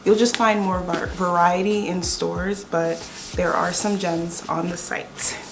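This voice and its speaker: Over a noisy background, a young woman in an informal vlog chats eagerly about home decor finds and calls her audience "you guys." She speaks a little slowly, with a fairly low pitch and a steady tone.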